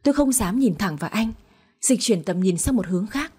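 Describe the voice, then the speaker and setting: Soft-voiced woman narrating a story. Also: medium pitch, expressive, a little fast, breathy edge. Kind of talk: first-person story narration.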